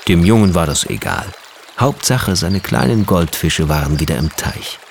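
A man reading a children's storybook aloud with gentle, lively storytelling. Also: sits low, normal speed, vocal fry, slight background noise.

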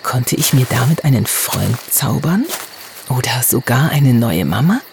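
A narrator reading a children's storybook in the first person, expressive and vivid. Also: mid-range voice, a little slow, vocal fry, noisy background. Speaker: audiobook narrator.

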